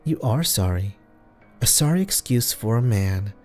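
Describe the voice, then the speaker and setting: A man voicing a creature that fakes a young woman's voice, at first sweet and calm, then spiteful and taunting. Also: lowish voice, unhurried, soft background music. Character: door creature faking a young woman's voice, cruel.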